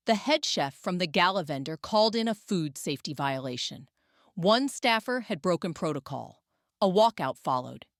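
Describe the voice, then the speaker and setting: Female story narrator, low-set and lively, dry close recording. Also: no echo.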